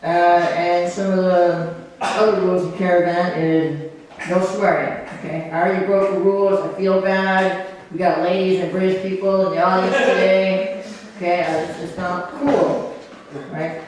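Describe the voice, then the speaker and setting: Hosting an open mic, a man tells a rambling, filler-heavy story as live stand-up, his high voice moving little in pitch at a normal speed. The mic is distant in an echoey venue, with faint noise.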